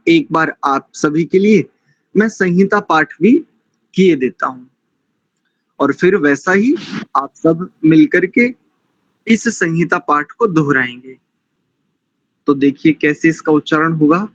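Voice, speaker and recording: A man teaching Vedic mantra pronunciation, who chants verses slowly and then corrects his students patiently. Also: on the high side, no room sound, muffled recording. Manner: admonishing, didactic. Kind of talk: recitation lesson with slow mantra chanting.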